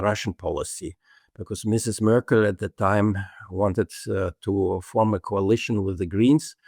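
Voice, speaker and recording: Older guy, low and gravelly, keeps saying uh, halting, dry sound. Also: darkish tone, dry recording. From Germany. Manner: hesitant, many fillers and restarts. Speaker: guest. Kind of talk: interview answers.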